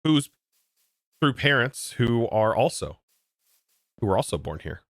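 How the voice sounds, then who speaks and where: A man's voice: medium pitch, very animated, measured pace, gravelly, fairly bright tone, no echo, studio quality. An American man streaming a game, chatting casually and answering his chat in disbelief. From United States. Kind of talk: casual livestream chat while gaming.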